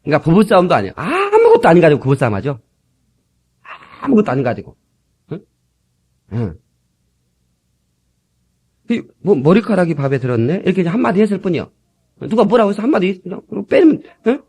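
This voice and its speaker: Middle-aged male pastor, animated storyteller in the pulpit, slightly high husky voice, old cassette sermon. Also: brisk, pauses often. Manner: lively storytelling, acting out quarrels with shouted voices.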